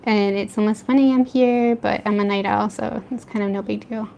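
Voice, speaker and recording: Late at night at home, an art streamer from the US East Coast draws and chats casually with viewers in an American accent, answering live chat and often laughing between remarks. Her medium-pitched voice is flat, gravelly, and a little mellow at normal speed, with slight background noise.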